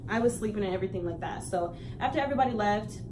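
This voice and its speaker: A woman's voice: medium pitch, rapid-fire, noisy background. A young woman vlogger casually telling a personal story, acting out what people said along the way. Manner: animated retelling, acts out quoted lines.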